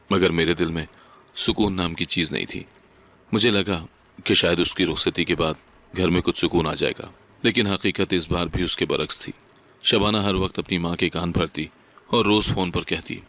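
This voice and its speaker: A man reading a sad first-person moral story as scripted narration, steady and solemn. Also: low voice.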